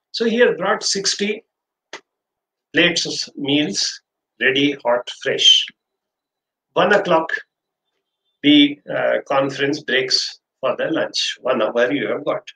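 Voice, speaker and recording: A man's voice: on the high side, sharp tone. An older man with an Indian accent giving an illustrative lecture as a trainer, telling anecdotes and acting out the dialogue. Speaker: trainer giving an online class. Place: small indoor office. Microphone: webcam livestream from desk distance. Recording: roomy echo with background noise.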